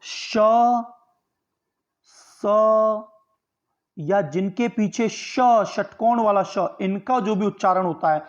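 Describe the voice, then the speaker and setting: Speaking very slowly and pausing often, a high-pitched man teaches grammar for exam preparation in an online lecture, with the highs cut off in the recording. He builds each point step by step, answers his own questions, and uses tag questions to get listeners nodding along.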